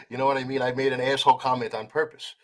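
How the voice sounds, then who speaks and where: A man as a podcast guest, telling a heated story in a casual conversation, with some swearing. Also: medium pitch. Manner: fast, animated, swearing, retelling a confrontation.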